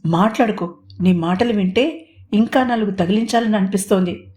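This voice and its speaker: A proud, fiery young woman from a romantic audio storybook, sharp and scolding in her speech, as a woman narrator plays her. The tone is warm and mellow. She snaps quickly. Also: medium pitch, natural voice. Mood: angry.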